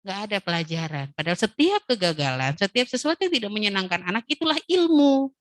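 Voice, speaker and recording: A woman talks mothers through parenting advice at a middle pitch, warm and conversational. She often drops into quick imitations of children and parents within her examples. The recording is dry and close, with no room around her. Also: big pitch swings, no echo. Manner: acts out child and mother voices in quoted dialogues. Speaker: parenting webinar speaker.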